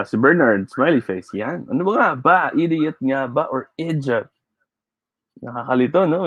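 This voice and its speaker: A man's voice: mid-range voice, dry recording, phone-quality sound. A man with a Filipino accent teaching an online speech class, chatty and encouraging, switching between English and Tagalog as he reads out viewer comments.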